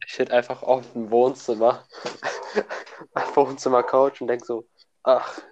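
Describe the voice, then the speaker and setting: A man's voice: mid-range voice, flat delivery, a little slow, darkish tone, dull audio, a little hiss or hum. A young man, a student, in casual chat, slangy and laughing often, with many restarts. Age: young adult.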